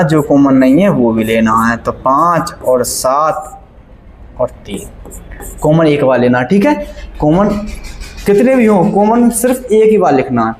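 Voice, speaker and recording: In an echoey classroom with faint background noise, a man teaches math, working sums aloud step by step, repeating numbers, and constantly asking the class questions to check they're following. His voice is a little high with a darkish tone.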